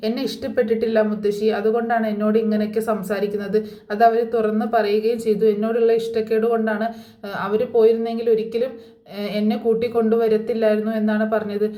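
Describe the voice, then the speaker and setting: A woman's voice: fairly high pitch, level tone, fast, dark tone, reverberant, lightly acted. A woman voicing a hurt, defiant young woman.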